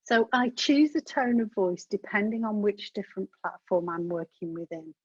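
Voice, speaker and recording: This webinar presenter has a mid-range voice with lively intonation and a breathy edge, and she moves at a moderate pace. Addressing listeners head-on, she teaches business material in a conversational, practical style. Her audio sounds dry and flat.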